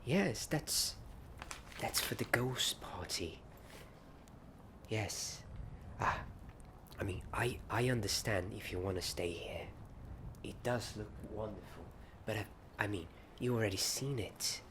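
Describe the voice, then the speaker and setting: In an ASMR roleplay, a man plays a friendly, secretive Hogwarts companion eager to attend a ghost party, coaxing the listener in a hesitant, halting way and often dropping to a hushed, confiding whisper. His voice is on the low side, and the ambient background is clearly noisy.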